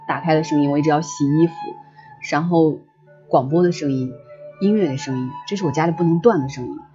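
A livestream host chats with her listeners in a casual, reflective way, frequently restating her phrases. Her voice is low-pitched with a dark tone, and the audio sounds dull.

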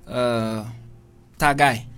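A man co-hosting a casual lesson chat, patiently spelling out French words slowly. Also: medium pitch, fairly even intonation, a bit bright, clear, resonant tone. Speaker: co-host teaching French.

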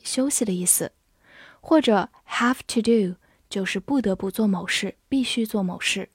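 A young woman teaching English vocabulary in Chinese, explaining patiently and slowing down to spell and drill each word. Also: mid-range voice, a little mellow, slightly rough, no room sound, studio quality.

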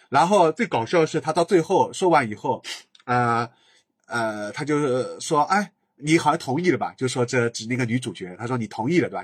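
Husky-voiced man, eager podcast host. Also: medium pitch, no echo, clean studio sound. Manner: enthusiastic, chatty, laughs often. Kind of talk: casual solo drama review.

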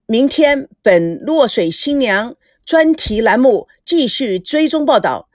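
A woman's voice: a little high, sing-song, slow pace, dry recording, clean studio sound, heavily acted. A woman doing a TV news reporter signing off. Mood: on-air. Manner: announcing on air. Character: young female TV news reporter.

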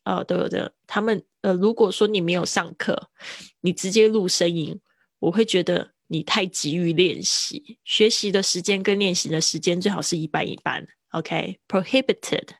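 A woman leads a livestream vocabulary lesson, her fairly low voice carrying a gravelly edge. She mixes English terms into relaxed Chinese explanations, drawing words out slowly to drill them. The sound is close and dry. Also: no echo. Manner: laughs easily, drawn-out word drills. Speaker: English teacher.

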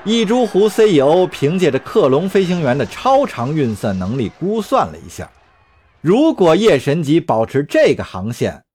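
A man narrating an audio drama in an expressive, dramatic way. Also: a little high, husky.

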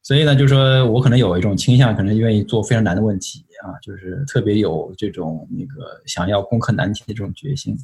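Man from Shanghai, low voice, quick and rambling, podcast guest who reflects at length. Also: gravelly, darkish tone. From Shanghai, China. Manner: reflective, explains at length with many fillers. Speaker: interview guest, AI researcher. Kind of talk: casual podcast interview.

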